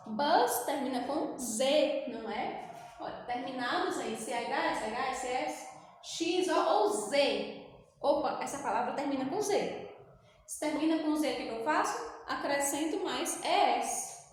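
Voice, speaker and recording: A woman's voice: high-pitched, expressive, a little slow, a little hiss or hum. A Brazilian woman English teacher with a Brazilian Portuguese accent, explaining a lesson step by step and answering her own questions. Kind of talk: recorded classroom lesson for sixth graders. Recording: very echoey, reverberant room.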